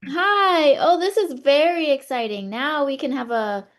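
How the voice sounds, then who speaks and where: A woman's voice: high-pitched, unhurried. A woman co-hosting a video call, eager and bubbly, laughing often. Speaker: co-host. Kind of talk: casual video call chat.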